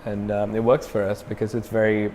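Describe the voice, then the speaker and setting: His voice is lowish and fairly quick, trailing a long reverb with a little hiss or hum. He's a young Sri Lankan metal frontman, casually chatting as an interview guest in a relaxed way, with many fillers and restarts.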